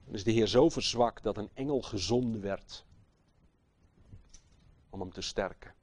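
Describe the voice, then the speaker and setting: Speaking at a fairly low pitch, a man preaches with passion, asking rhetorical questions as he swings between quiet, deliberate phrases and loud, emphatic outbursts.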